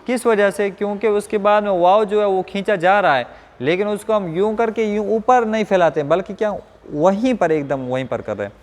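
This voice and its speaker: Male recitation teacher, high voice, slow drilling delivery, echoey room. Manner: corrects and demonstrates sounds repeatedly. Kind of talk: pronunciation lesson with drills.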